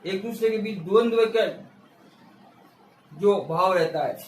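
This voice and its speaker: A man's voice: sits high, a little slow, slight background noise. A male teacher giving an exam-prep grammar lesson, explaining step by step, repeating key words and asking questions that he answers himself. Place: room with a board he writes on. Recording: echoey room, mic far off.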